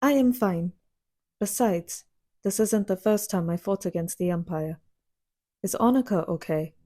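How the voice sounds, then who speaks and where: A woman's voice: medium pitch, unhurried, warm tone, lightly acted. A woman playing a stern, fiery young woman warrior who speaks in blunt, clipped lines.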